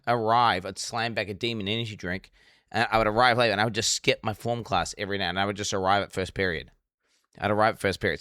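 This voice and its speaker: A young man in casual live-stream commentary rambles on, swearing and breaking off into restarts. His voice is bright and crisp. The sound is dry and close. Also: lowish voice, no echo. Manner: rambling, profane, restarts often. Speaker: streamer reacting to a documentary.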